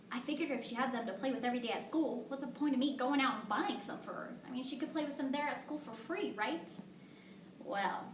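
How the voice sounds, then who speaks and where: A woman's voice: a little high, fairly bright tone, close to an everyday voice. A woman playing a devoted young mother in a dramatic monologue, telling stories conversationally with asides to listeners. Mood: amused, fond. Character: devoted young mother fondly recalling her daughter. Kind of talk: dramatic monologue performed at a competition. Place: echoing room, recorded from a distance. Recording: roomy, distant mic with faint noise.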